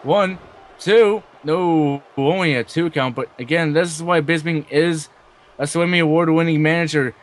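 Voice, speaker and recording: A man working as a wrestling commentator, giving excited play-by-play and drawing out his calls of big moves. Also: fairly high pitch, normal speed.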